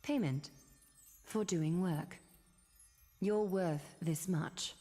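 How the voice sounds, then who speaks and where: A stern noble dressmaker lady, dark mellow tone, faint game music. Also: fairly low pitch, big-room sound. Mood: solemn. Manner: measured, solemn, cool.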